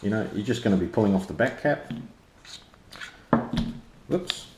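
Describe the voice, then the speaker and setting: Casual male reviewer, broad Kiwi accent, low relaxed voice, informal and slangy, recorded in a roomy echo. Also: moderate pace, noisy background. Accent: broad New Zealand. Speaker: product reviewer and interviewer. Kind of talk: casual unscripted review chat. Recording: roomy, echoey sound.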